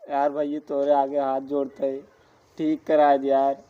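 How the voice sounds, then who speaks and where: A man's voice: medium pitch, completely flat delivery, a little slow, clean tone, narrow, tinny audio, natural voice. A man with an eastern Uttar Pradesh accent playing a town drunk, a whiny, pleading village husband, in an amateur comedy skit.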